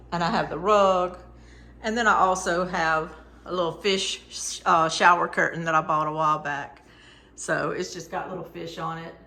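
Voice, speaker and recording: A woman's voice: lowish voice, sharp tone, echoey room. A woman giving a casual, chatty tour in a homey way, with proud, happy enthusiasm. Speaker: vlogger showing her farm store. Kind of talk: casual home tour narration.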